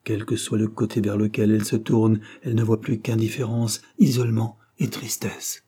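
A man's voice: lowish voice, little pitch movement, normal speed, mellow, husky. A man reading aloud, voicing a proud, heartbroken young orphan woman with bitter, tearful reproach.

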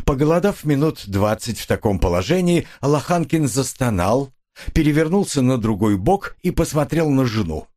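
A man narrating an audiobook in an expressive, ironic storytelling manner. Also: mid-range voice. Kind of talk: scripted narration.

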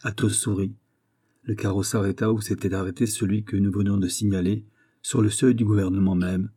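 A man narrating a classic novel as an audiobook in a measured, even storytelling manner. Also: on the low side, slightly rough.

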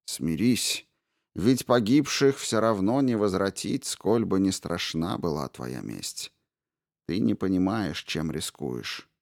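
A man voicing an old witch who was once a fairy queen, bitter and guarded, in a hushed, slow, menacing tone for an audiobook. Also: low voice, expressive, gravelly, no echo, studio quality, full character voice. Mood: guarded, weary. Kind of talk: audiobook character reading.

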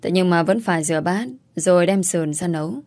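A woman narrating a first-person family story in a steady, even reading. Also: fairly low pitch, a little fast, no echo.

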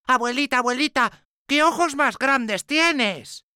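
A man voicing a cheerful, naive little girl in a storybook reading, squeaky, eager and sing-song. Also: measured pace, sharp tone, smooth, no echo, studio quality, exaggerated voice. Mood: wondering.

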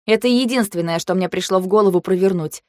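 A woman narrating a fantasy audiobook in the first person, in an expressive, vivid way. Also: medium pitch, fast, no room sound, studio quality.

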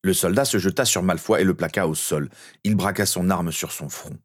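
A man narrating a fan-fiction story as an audiobook in a steady, earnest way. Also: low-pitched, moderate pace.

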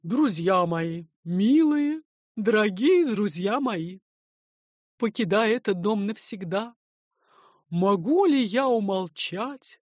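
A woman's voice: mid-range voice, lively intonation, slow, dry recording, clean studio sound. Woman doing a sentimental old nobleman. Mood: emotional. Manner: declaiming, rising to a shout. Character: aging nobleman, sentimental and long-winded.

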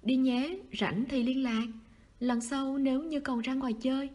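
A woman's voice: high voice, fairly even intonation, a little slow, darkish tone, pitched above the performer's own voice. A woman reading the lines of a cheerful, outgoing teenage schoolgirl in a raised, upbeat voice.

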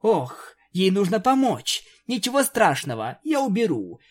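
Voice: medium pitch, very animated, measured pace, voice pushed up. A reader voicing a stubborn, caring female farm pony in a storybook reading, speaking firmly and persistently. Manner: firm, homely and persistent.

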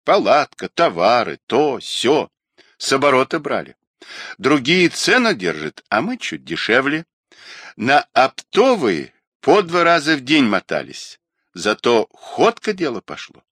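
Guilt-ridden young trader, self-pitying, read by a male narrator, swooping wide in pitch. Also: huge pitch swings, measured pace, a bit bright, no room sound, clean studio sound, exaggerated voice. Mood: rueful.

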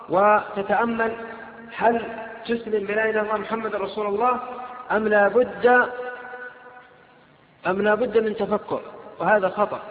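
A male preacher giving a fervent religious lecture, his voice rising to emphatic peaks. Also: sits high. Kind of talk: recorded Islamic lecture. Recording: lo-fi phone-like lecture tape in a reverberant hall.

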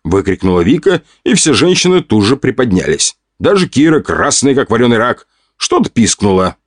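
Expressive male audiobook narrator. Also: medium pitch, moderate pace, no echo, studio quality. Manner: lively, expressive first-person storytelling.

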